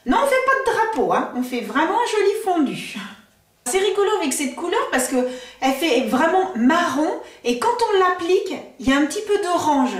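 A woman's voice: very high voice, expressive, normal speed, echoey room, far from the mic. A woman vlogger chatting enthusiastically through a makeup tutorial, with lots of fillers.

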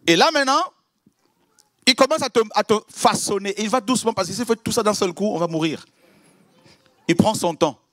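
A man preaching a sermon, acting out prayers and exchanges with God, swinging from loud outbursts to hushed asides. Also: high-pitched, fairly quick, long pauses, no echo, clean studio sound. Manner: animated, acts out prayers and dialogues with God.

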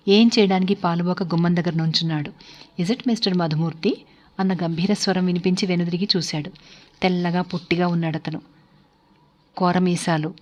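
A woman narrating a suspense novel as an audiobook, reading in a steady, even way. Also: on the low side. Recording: dull lo-fi recording.

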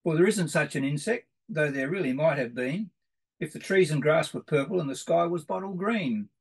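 A man's voice: on the high side, lively intonation, moderate pace, gravelly, slightly rough. A middle-aged man, giving a homely, rambling introduction and reading poems aloud in a sing-song way. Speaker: presenter. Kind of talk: informal introduction with poetry read aloud.

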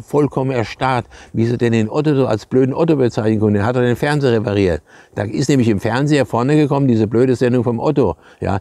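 An older former TV repairman spins casual workshop anecdotes in a dark, mellow voice. He rambles chattily and calls his viewers comrades. The lapel-mic sound is close and dry. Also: medium pitch, gravelly, dry recording. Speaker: retired radio and TV technician. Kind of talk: casual anecdotal storytelling to camera.

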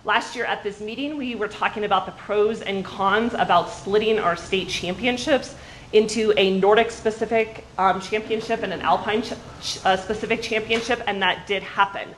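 A woman's voice: mid-range voice, steady tone, moderate pace, a bit bright. Woman talking to a big meeting room, friendly, lots of ums, faint room hum, camera far back. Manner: friendly, informative, with frequent ums. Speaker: state athletic association staff presenter. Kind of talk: meeting presentation. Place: large meeting room with seated audience.

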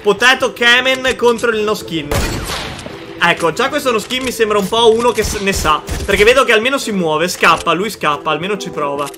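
High-pitched young man holding back laughter. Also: brisk, music in the background. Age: 20s. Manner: trying not to laugh; playful mock sympathy, repeats phrases. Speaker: gaming video host. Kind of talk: casual reaction commentary on game clips. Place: indoor streaming setup.

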